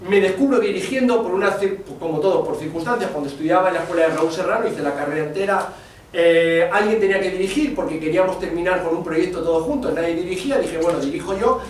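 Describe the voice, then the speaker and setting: A man, telling his own story thoughtfully at a conference, often pausing to find his words. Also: sits high. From Spain. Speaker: guest speaker. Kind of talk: reflective personal storytelling. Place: conference venue. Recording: echoey hall from far off with faint noise.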